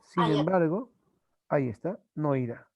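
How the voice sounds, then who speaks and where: Teaching an online language class, a Peruvian man slowly goes back over examples and echoes his students' responses. His voice is fairly high yet darkish and husky.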